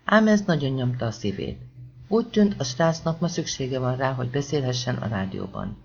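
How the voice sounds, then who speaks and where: A man narrates a thriller audiobook in a steady, measured way. His voice sits at an ordinary middle pitch. The recording sounds a little dull and lo-fi. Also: creaky.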